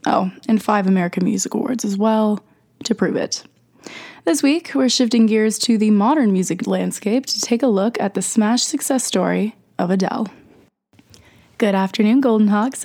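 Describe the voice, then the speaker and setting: A young woman presents a scripted music commentary show on radio. Her voice is congested, with the blocked nose and sore throat of someone under the weather. She sits at an ordinary mid-range pitch for a woman. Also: a little mellow. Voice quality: slightly congested, stuffed-up nasal sound.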